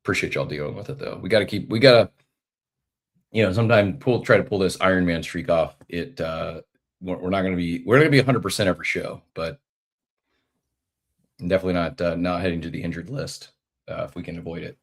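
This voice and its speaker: A man's voice: low-pitched, quick pace. A man in his forties, congested with a head cold and sounding nasal, hosting a podcast in a rambling, friendly chat with many fillers. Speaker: podcast host. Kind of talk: casual live audio show chat.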